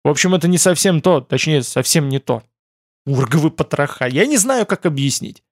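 A man's voice: a little high, lively intonation, normal speed. A man voicing a grumpy, sarcastic young man who grumbles in an audiobook. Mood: grumbling. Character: grumpy young male clan heir, sarcastic.

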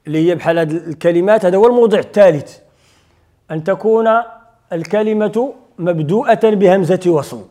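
A man's voice: sits high, darkish tone. A man with a Moroccan Arabic accent teaching Quran recitation rules. He explains step by step, puts questions to his students and recites short examples.

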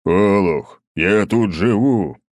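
A man voicing a towering, stern old prince who scolds slowly in a booming voice. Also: darkish tone, dry recording, studio quality.

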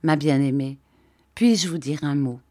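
Woman reading an earnest young man in love, gentle, coaxing, low mellow voice. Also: unhurried, no echo, clean studio sound. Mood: tender.

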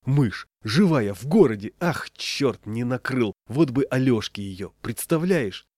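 A man voicing a dreamy, excitable city man who sighs and mutters, then bursts into excited shouts. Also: medium pitch, unhurried, no room sound, clean studio sound. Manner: sighing exclamations, sudden excited shouts. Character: dreamy, excitable middle-aged man, easily distracted.

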